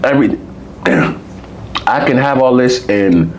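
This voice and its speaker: A man's voice: mid-range voice, slow, a little hiss or hum. American guy cohosting, rambly and cussing, voice jumps up and down a lot. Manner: animated, profane, rambling. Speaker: podcast co-host. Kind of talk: casual conversation.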